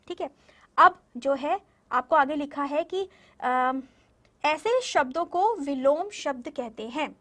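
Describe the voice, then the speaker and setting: A woman teaching a primary-school language lesson to children, patiently repeating words and spelling them out slowly. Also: high voice, fairly bright tone. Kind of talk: online class lesson.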